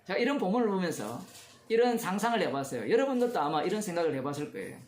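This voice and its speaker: Lively Korean pastor preaching in an echoey room. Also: male voice, sits high, fast talker, a little hiss or hum. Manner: conversational, asks the congregation questions, chuckles. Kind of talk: expository sermon. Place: church.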